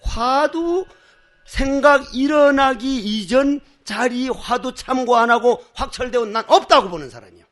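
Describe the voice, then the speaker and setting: A man's voice: very high-pitched, a little slow, a bit bright. An older man, a Buddhist monk giving a dharma talk with passion and emphasis, acting out the people he quotes. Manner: impassioned, emphatic; acts out quoted voices, laughs at his own stories.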